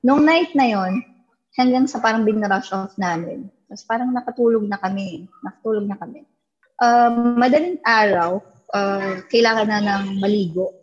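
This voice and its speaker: Woman, husky voice, casual storyteller who acts out quoted lines; dull lo-fi recording. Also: medium pitch, normal speed. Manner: mixes English into Tagalog, acts out quoted dialogue. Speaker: guest telling a ghost story.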